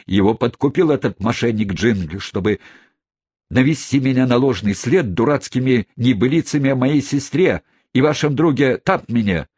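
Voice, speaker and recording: A stout old country squire in an audiobook, roaring and commanding, his voice pushed well above the reader's own, as a man acts him out. It comes across husky and bone-dry. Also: mid-range voice, animated, moderate pace, darkish tone, no room sound, voice pushed up. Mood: raging. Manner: bellowing, commanding.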